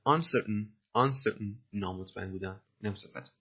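A man's voice: fairly low pitch, gravelly, husky, lo-fi sound. A man teaching English by explaining film lines, patiently repeating words and spelling them out.

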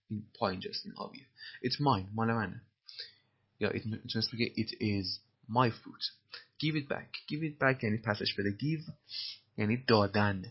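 A man with a husky voice teaching English phrases, patiently explaining and repeating them slowly. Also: medium pitch, dull audio.

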